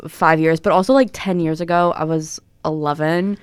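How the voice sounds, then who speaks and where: A chatty woman co-hosts a casual talk show. Her voice sits a bit low and sounds smooth and clean. She tells stories and teases her friends with ease. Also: fairly even intonation, moderate pace, dry recording, studio quality. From Tennessee. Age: 20s. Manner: chatty, storytelling, teasing. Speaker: co-host. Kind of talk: casual chat.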